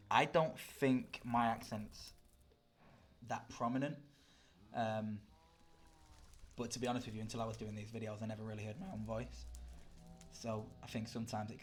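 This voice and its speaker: Young British streamer, low-pitched, rambling casual chat with viewers. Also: male voice, little pitch movement, moderate pace. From Britain. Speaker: livestreamer. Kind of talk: casual chat while gaming live.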